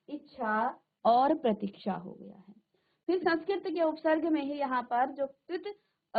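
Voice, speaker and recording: Woman teacher, middle-aged, slow and repetitive classroom delivery, muffled studio recording. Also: high-pitched. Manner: slow, repeats each word and asks the class. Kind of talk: classroom lesson.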